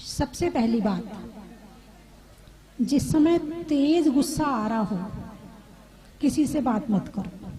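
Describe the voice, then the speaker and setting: High-voiced woman preaching a sermon. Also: animated, slow, long pauses, dark tone. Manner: repetitive, asks the audience questions. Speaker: Jain preacher. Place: live gathering with seated audience.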